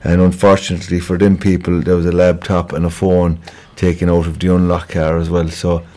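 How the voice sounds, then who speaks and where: Low-pitched Irish man with a Kerry accent. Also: monotone, brisk, warm tone. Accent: Kerry, Ireland. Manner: hesitant, repeats words, conversational. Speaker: police sergeant, guest. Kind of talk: informal crime report interview on local radio.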